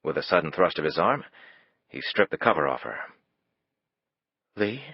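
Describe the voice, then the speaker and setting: Low, husky male narrator, measured scripted reading, dry and muffled recording. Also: expressive, no echo. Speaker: audiobook narrator. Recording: dull, dry, lo-fi.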